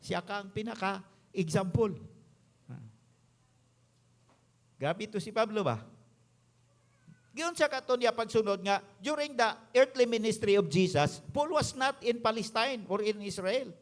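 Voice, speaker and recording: A man's voice: high voice, animated, a little slow, long pauses. A male pastor with a Visayan Filipino accent, preaching an emphatic sermon that moves between English and his local language.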